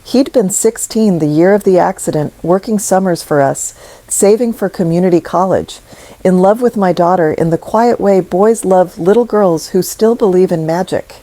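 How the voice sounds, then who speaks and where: A woman narrating a scripted story in a slow, measured, softly emotional way. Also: lowish voice, dry recording, poor audio.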